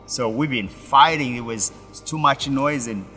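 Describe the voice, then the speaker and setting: A middle-aged man from Ethiopia, a pastor, telling his life story in halting, broken with many restarts. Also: medium pitch, pushed and bright, big-room sound, soft background music. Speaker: pastor, interview guest. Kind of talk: personal story in an interview.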